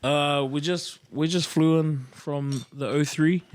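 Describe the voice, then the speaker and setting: A man's voice: fairly high pitch, fairly even intonation, slow. A man chatting casually as a podcast panellist. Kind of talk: casual chat.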